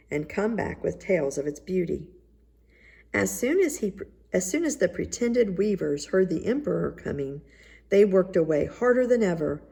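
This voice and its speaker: A storybook reader narrates a fairy tale to listeners in an expressive read-aloud style. Her slightly low voice moves freely in pitch and has a faintly husky, creaky edge.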